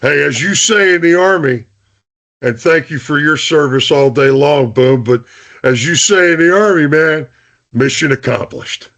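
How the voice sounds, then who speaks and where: In casual podcast chat, a man jokingly recounts team stories, restarting often and saying "hey" a lot. His voice is a little high and fairly bright, and he speaks a little slowly.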